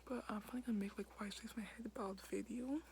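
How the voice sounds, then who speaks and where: A young woman vlogging in a hushed whisper late at night in a basement, filling her talk with "like" and "um". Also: medium pitch, steady tone, racing, slight background noise. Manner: whispering quietly, many fillers like "like". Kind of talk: casual whispered vlog.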